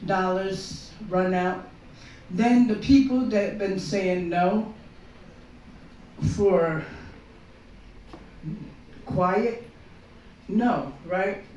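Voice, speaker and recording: A woman at an open mic, rambling through her set and forever asking the crowd if they follow. She takes her time, speaking slowly. Her voice reaches the mic from across a very echoey room. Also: medium pitch, darkish tone, distant mic, slight background noise. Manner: rambling, keeps checking in with the crowd. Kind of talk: stand-up monologue.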